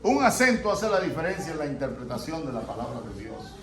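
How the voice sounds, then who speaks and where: A man's voice: a little high, sing-song, brisk, a crowd in the background. A male pastor preaching in a church vigil, asking his listeners questions and repeating their answers. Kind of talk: interactive sermon with congregation reading. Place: church during an evening vigil. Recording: echoey church, distant mic, background noise.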